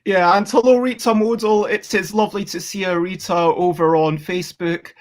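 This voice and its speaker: A woman's voice: mid-range voice, steady tone, normal speed. A woman hosting a casual live-stream chat, greeting viewers and welcoming her guest. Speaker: host.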